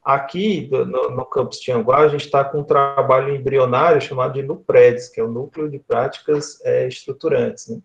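A gravelly, medium-pitched man in his thirties with a Northeastern Brazilian accent talks at a normal speed with fairly even intonation and few pauses. He's a guest lecturer giving a conversational online talk from a small indoor room, often checking for agreement with short tag questions. The video call audio sounds dull and lo-fi.

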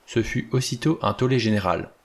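A man reading a novel aloud in a calm, measured storytelling voice. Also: mid-range voice. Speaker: audiobook reader.

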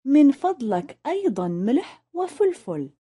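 A woman, carefully repeating lesson phrases one by one in a clear, scripted way. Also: sits high, very animated, measured pace, warm tone. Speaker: language lesson speaker.

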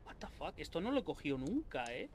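A man from Spain with a Spanish accent, narrating his game as he plays, quick to swear and talk to his viewers. His voice sits high for a man. A faint background hum runs under it. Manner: excitable, swears a lot, talks to himself and viewers. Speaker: gaming YouTuber. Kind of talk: live gameplay commentary.

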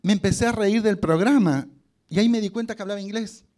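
A man's voice: high-pitched, fast talker, darkish tone. Chatty Argentine man telling stories on stage. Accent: Argentine Spanish. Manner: humorous, anecdotal, acts out quoted dialogue. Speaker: guest speaker. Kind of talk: motivational storytelling talk.

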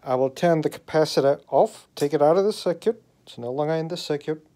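An Australian radio hobbyist, a man with a somewhat high, dark-toned voice, shows off a homemade antenna in a casual video. He explains things in a deliberate, hands-on way from his bedroom, holding the handheld camera that records him.

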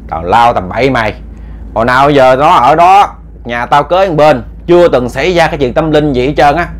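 A man with a Southern Vietnamese accent voicing a gruff, calm older village uncle who talks low and dismissive. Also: brisk, lightly acted.

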